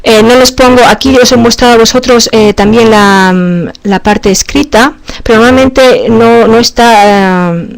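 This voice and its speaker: A woman's voice: on the high side, a little slow, creaky, hardly any pauses. A woman teacher giving a conference talk on pronunciation teaching, speaking hesitantly with many fillers and restarts. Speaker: language teacher presenting.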